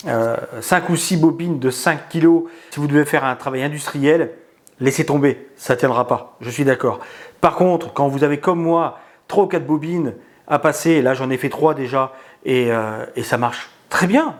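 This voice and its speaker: A man giving a casual spoken product review, hesitant, with many pauses and filler sounds. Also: medium pitch. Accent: non-native in English words.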